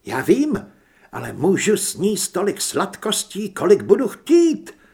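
A man voicing a feisty young woman with a sweet tooth in an audiobook, talking with outspoken excitement. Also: high voice, creaky, voice pushed up, heavily acted. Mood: excited. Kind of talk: audiobook character reading.

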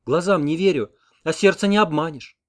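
A man voicing a tearful, soft-spoken young village woman who talks with sighs. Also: a little high, moderate pace, pitched above the performer's own voice, close to an everyday voice. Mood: sad. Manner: soft, sighing.

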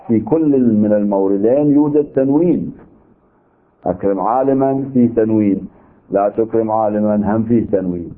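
A man with an Iraqi Arabic accent teaching a seminary lecture on legal theory, arguing his point through rhetorical questions. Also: on the low side. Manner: argumentative, poses rhetorical questions. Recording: tinny narrow-band recording.

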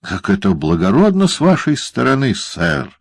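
A man's voice: on the low side, huge pitch swings, normal speed, husky, no echo, pitched above the performer's own voice, heavily acted. A man voicing a fawning male lawyer in an audiobook, with a scratchy voice. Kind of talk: audiobook character voice.

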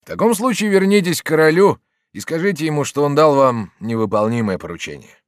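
Defiant wounded young nobleman, proud and shouting, voiced high and loud by a male narrator. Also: lively intonation, brisk, no echo, clean studio sound, lightly acted.

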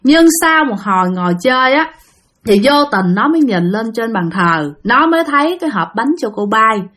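A woman's voice: a little high, big pitch swings, normal speed, fairly bright tone. A woman with a Southern Vietnamese accent, narrating ghost stories in a chatty way, addressing her listeners directly. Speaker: storyteller. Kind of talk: spoken ghost-story narration.

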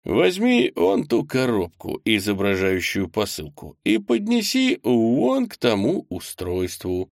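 A man voicing a confident male boss in an audiobook, giving brisk, assured orders. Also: medium pitch, wildly swooping pitch, creaky, no echo, studio quality, exaggerated voice. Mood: commanding. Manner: assured, directive. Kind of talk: audiobook character voice.

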